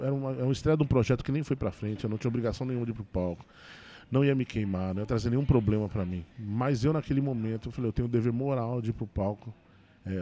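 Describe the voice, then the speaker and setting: A man who works as a stand-up comedian, telling a personal story in a relaxed interview. He talks fast and with feeling, stumbling and restarting his sentences as he goes. His voice sits at an ordinary middle pitch for a man. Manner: fast, emotional retelling with many restarts.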